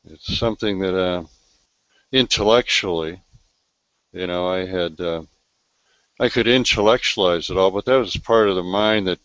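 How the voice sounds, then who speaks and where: Male host, low voice, dry close audio, unhurried and musing. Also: a bit bright, dry recording, highs cut off. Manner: slow, reflective, trailing delivery with fillers. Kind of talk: live online talk show chat. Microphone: video call.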